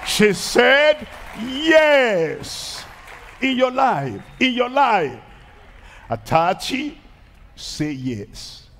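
An older male pastor with a Nigerian accent preaches an emphatic crusade sermon through a headset mic on a large outdoor stage, with slight background noise. His voice is very high and sing-song, very slow, and rises into shouted declarations.

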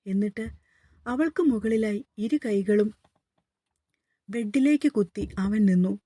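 A woman narrating a romance novel in a calm, even storytelling voice. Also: medium pitch, unhurried, no room sound. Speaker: audiobook narrator.

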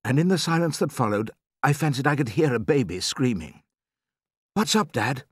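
A man narrating a children's novel in the first person, with expressive storytelling. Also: medium pitch, a little fast, breathy edge, dry recording, clean studio sound. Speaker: audiobook reader.

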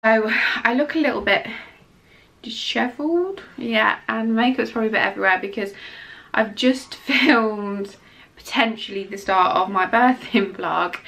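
A young woman chats through a pregnancy update, exhausted and close to tears. Her voice is bright and edged, with a gravelly fry underneath. She rambles and restarts, filling gaps with ums. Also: a little high, moderate pace. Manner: rambling, emotional, frequent ums and self-restarts. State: exhausted and tearful. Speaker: vlogger. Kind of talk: casual pregnancy update vlog.

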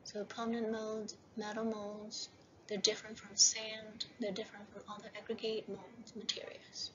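A woman delivers a recorded university lecture over slides in a flat, steady, medium-pitched voice. She keeps checking in with "right?" and "okay?" and slows down to read each heading aloud. The audio is muffled and lo-fi with a faint hiss.

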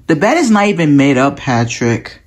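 An upbeat, pushy cartoon sponge, as a man voices him for a homemade fan cartoon. His lively voice swings up and down as he urges his friend on, sitting fairly high. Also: moderate pace, background noise. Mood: coaxing. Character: cheerful sea sponge cartoon hero, eager.

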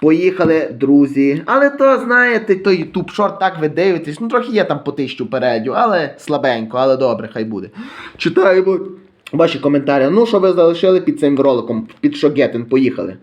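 Young man, rapid chatty delivery, slightly high voice, reads comments, self-deprecating. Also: expressive. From western Ukraine. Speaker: YouTube vlogger. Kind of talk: casual comment-reading vlog.

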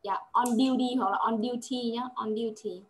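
A woman gives a one-on-one lesson in a fairly high voice. She explains patiently, repeats words for drilling and keeps checking that her pupil follows. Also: fairly even intonation, moderate pace. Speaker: English tutor.

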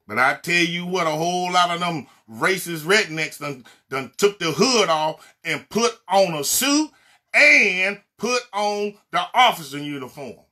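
Male evangelist, Mississippi Southern accent, tense and forceful tone, raised pitch, fiery and blunt delivery. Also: animated, unhurried. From Mississippi, USA. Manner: fiery, blunt, emphatic, repeating refrains. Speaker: evangelist minister. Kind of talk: impassioned social media sermon.

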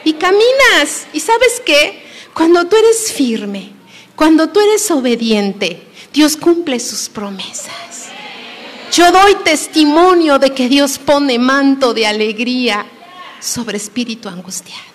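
A woman from Mexico preaching a sermon at a women's conference, urging the listeners emphatically and dropping at times to a hushed near-whisper. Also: sits high, animated, takes it slowly, slight background noise. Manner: emphatic, shifts between loud exhortation and hushed near-whisper. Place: church hall. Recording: long echo of a hall.

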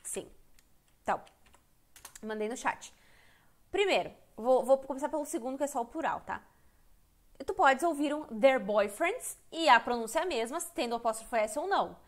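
A woman's voice: high voice, expressive, moderate pace, pauses often. A Brazilian woman teaching English in a live online lesson, speaking candidly and chattily, often breaking off and restarting her sentences. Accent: Brazilian Portuguese. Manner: candid, chatty, self-interrupting. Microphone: computer mic on a live stream.

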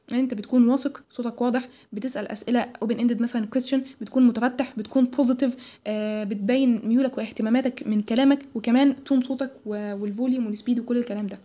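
Fast-talking Egyptian woman tutoring. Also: on the high side, dark tone. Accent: Egyptian Arabic. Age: young adult. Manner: chatty, fast, many restarts, mixes in English terms. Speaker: student tutor. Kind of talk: informal lecture.

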